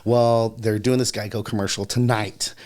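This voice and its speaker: A man's voice: fairly low pitch, normal speed. Chatty man telling a story. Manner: animated anecdote-telling, acts out quoted voices; frequent fillers "you know", rambling. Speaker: actor guest. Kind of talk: casual storytelling interview.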